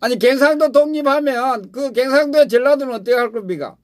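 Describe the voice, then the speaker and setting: High quick-talking male host. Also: no echo. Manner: interjecting questions. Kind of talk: call-in show talk.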